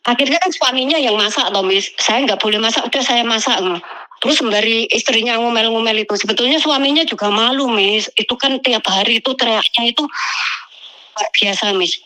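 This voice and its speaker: A woman speaks with a high, sharp, bright voice. She tells her story to a host in an animated, aggrieved way and keeps calling the listener "Miss". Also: brisk, poor audio. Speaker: migrant domestic worker telling her story.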